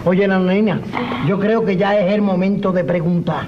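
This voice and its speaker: An actor playing an eager, fussy friend in an old radio comedy, excitable and coaxing, often repeating himself. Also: male voice, high-pitched, normal speed, lightly acted. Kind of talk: old Spanish-language radio comedy acting. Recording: muffled, very noisy old radio recording.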